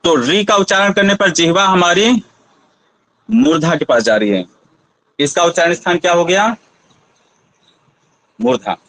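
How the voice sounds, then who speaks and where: Casting: man, teacher, high unhurried voice, patient and questioning, dry close recording. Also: expressive, fairly bright tone, dry recording, low-quality recording. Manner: patient, asks students to try sounds aloud. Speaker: Sanskrit teacher. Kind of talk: classroom lesson on pronunciation.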